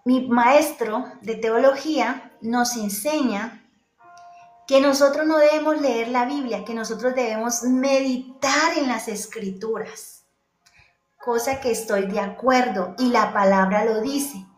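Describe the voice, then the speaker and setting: A woman's voice: on the high side, unhurried. A woman preacher, delivering a sermon emphatically, repeating key phrases and answering her own rhetorical questions. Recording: echoey room with faint music.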